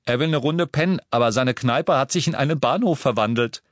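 A man's voice: medium pitch, fairly quick, no echo, voice pushed up, lightly acted. A man voicing a cheeky, joking young man in an audiobook. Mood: breezy.

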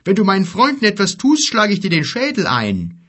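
Giant, male, quarrelsome, loud and high-pitched, played by a man, husky. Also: very animated, moderate pace, exaggerated voice. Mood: gruff, combative. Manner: threatening, combative, loud.

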